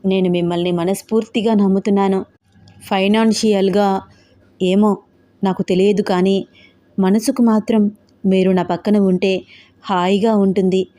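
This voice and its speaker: A woman's voice: mid-range voice, steady tone, normal speed, pauses often, close to an everyday voice. Woman reading a tender, trusting young woman. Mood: heartfelt. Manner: soft, heartfelt. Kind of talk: audio novel dialogue.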